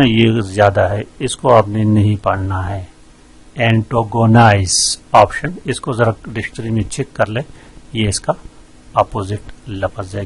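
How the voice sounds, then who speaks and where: A man, slowly and methodically explaining vocabulary quiz answers with frequent hesitations. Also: fairly low pitch, breathy edge, poor audio. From Pakistan. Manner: slow, methodical, many hesitations. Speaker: teacher.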